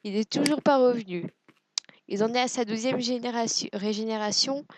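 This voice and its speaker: A woman's voice: a little high, moderate pace, a little hiss or hum, poor audio. A woman giving casual gameplay commentary, hesitant and self-deprecating, musing aloud with lots of fillers. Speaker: let's play gamer.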